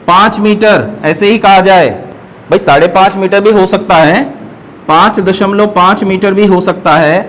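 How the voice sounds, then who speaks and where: A man's voice: high-pitched, poor audio. A man teaching an online math class. He explains patiently and keeps checking that his students follow. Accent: Hindi, North Indian.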